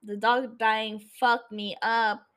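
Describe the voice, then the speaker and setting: High-pitched, sweary woman podcast host. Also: level tone, slow pace, a bit bright. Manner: sweary, irreverent, jokey; rambling, self-interrupting, teasing. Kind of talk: casual solo podcast chat about TV shows.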